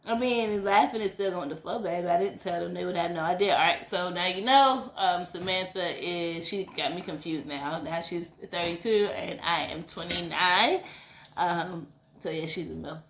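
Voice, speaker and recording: A woman's voice: fairly low pitch, normal speed, fairly bright tone, a little hiss or hum. A woman in her late twenties co-hosting a casual home vlog, giggling and using lots of fillers. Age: 20s. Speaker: co-host. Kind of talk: casual couple Q&A chat. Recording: echoey room.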